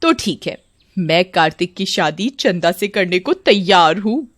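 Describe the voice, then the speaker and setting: A woman's voice: lowish voice, lively intonation, unhurried, dry recording, studio quality. Woman doing a greedy scolding mother-in-law. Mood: scornful. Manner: scolding, sharp-tongued. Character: greedy harsh middle-aged mother-in-law.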